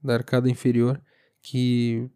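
A young man with a southern Brazilian accent speaks alone in a casual podcast monologue. His voice is soft-edged and relaxed, at a medium pitch, and he sounds sleepy. He meanders informally, often halting as he searches for his words. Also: clear, resonant tone. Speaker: podcast host. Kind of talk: casual solo monologue, rambling. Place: recorded lying down, alone.

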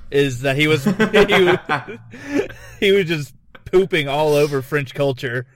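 A man co-hosting a casual comedy podcast, telling a story and often breaking into giggles. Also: a little slow. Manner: giggly, breaks into high laughter, puts on silly voices. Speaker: podcast co-host.

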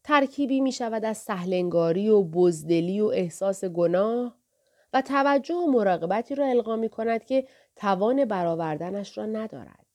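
A woman narrating an audiobook in a soft, measured way, sometimes dropping almost to a whisper. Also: mid-range voice, animated.

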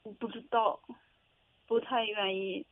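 A woman calling an advice show, halting and hesitant, repeating herself and close to tears. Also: mid-range voice, little pitch movement, no room sound. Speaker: caller. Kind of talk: call-in radio advice. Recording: tinny phone line.

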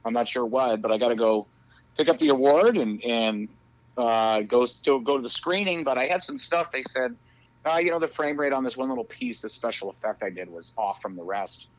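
A man's voice: medium pitch, lively intonation, brisk, dry recording. A man chatting casually as a podcast guest, rambling with lots of fillers and frequent laughs, heard over a phone call. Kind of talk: casual chat. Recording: muffled lo-fi audio.

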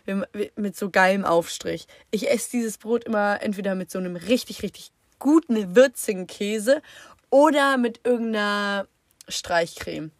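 A woman's voice: medium pitch, normal speed, no room sound, clean studio sound. A teenage girl hosting a podcast, chatting casually and rambling with lots of fillers. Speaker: podcast host. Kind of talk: casual sibling chat.

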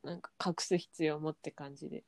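A young woman in relaxed podcast chat, frank and questioning. Her voice sits somewhat low. The sound is dry and close. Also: fairly quick, dry recording. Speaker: podcast co-host. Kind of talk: casual chat.

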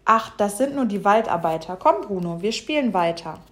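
A playful young dog bounces along in a raised, eager voice, put on by a woman reading the story. He is excitable and good-natured. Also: medium pitch, normal speed, slight background noise, close to an everyday voice.

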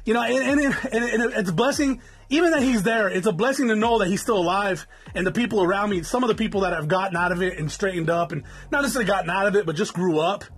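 Podcast host, man in his forties, fast and rambling with a stuffy nose, husky high voice. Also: a bit bright, soft background music. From Southern California. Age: 40s. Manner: rambling, repeats words, cusses freely. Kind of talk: casual unscripted podcast monologue. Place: home in the desert.

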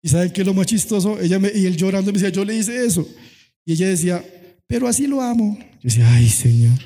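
A man's voice: high voice, fast talker. Impassioned preaching man in a reverberant hall. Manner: impassioned preaching, swinging from soft to shouted, some sung phrasing. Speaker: pastor. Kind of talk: sermon. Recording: long hall reverb with faint music.

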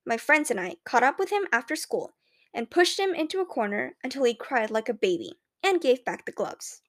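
Woman, audiobook narrator, first-person story reading, clear and expressive, high voice. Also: normal speed.

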